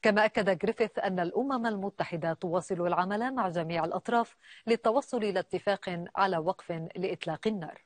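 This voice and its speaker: A woman news anchor reading studio news in a crisp, formal delivery. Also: mid-range voice, quick pace, dry recording. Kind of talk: studio newsreading.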